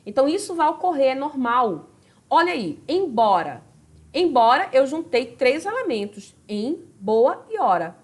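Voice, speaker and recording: A woman's voice: sits high, sing-song, unhurried, a little mellow. A woman with a Brazilian Portuguese accent teaching a grammar lesson, talking straight to her students and checking in with them often. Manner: chatty, addresses students directly with tag questions. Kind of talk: recorded video lesson.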